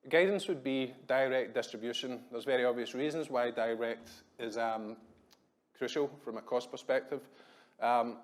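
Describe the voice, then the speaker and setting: This business presentation comes from a Scottish man in his thirties, born in Glasgow and speaking with its accent at a medium pitch. Addressing a conference in a hotel conference room, he talks quickly and chattily, pokes fun at himself, and says um a lot.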